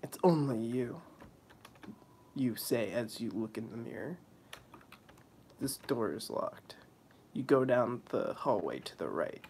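A man's voice: medium pitch, lively intonation, measured pace, long pauses, a little mellow, a little hiss or hum. A young man casually commenting on a video game and reading its text aloud in a wry, offhand way. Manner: wry, offhand, drops into mock voices and whispers. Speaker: let's play commentator.

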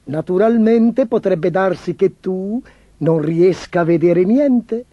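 A man voicing a vain, imperious, excitable emperor in a children's storybook, with a pompous, demanding manner. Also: high-pitched, slow pace, no room sound, muffled recording. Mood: scheming, commanding. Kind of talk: theatrical children's storybook acting.

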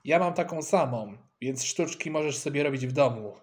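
A man's voice: a little high, animated, normal speed, close to an everyday voice. Man doing a boastful, taunting schoolboy. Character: boastful rich schoolboy, show-off.

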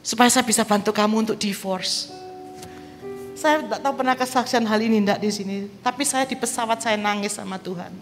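A woman evangelist with a slightly high voice, speaking fairly quickly, preaches a sermon built on her personal testimony, telling her story vividly and acting out the dialogue. She's in a large church hall, and the recording carries the hall's reverb along with background music.

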